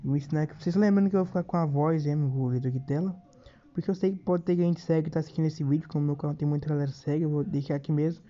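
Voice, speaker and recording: A man's voice: fairly high pitch, fairly even intonation, very fast, mellow. A man with a Brazilian accent casually talking viewers through a phone tutorial in a chatty, informal way. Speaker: tutorial host. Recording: dull lo-fi phone screen-recording audio.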